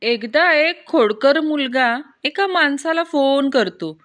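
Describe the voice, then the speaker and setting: Woman joke-teller, unhurried, voice sits a little high. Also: expressive, a bit bright. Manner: reads each line slowly, lightly voicing the characters. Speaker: joke narrator. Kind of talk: reading Marathi jokes aloud.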